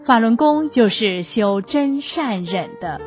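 A woman reading a scripted radio narration in a measured, even way. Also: fairly high pitch, soft background music.

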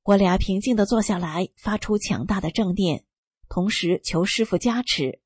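Calm, husky woman reading a story. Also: medium pitch, moderate pace, no echo. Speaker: reader of a first-person testimony. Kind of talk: scripted narration.

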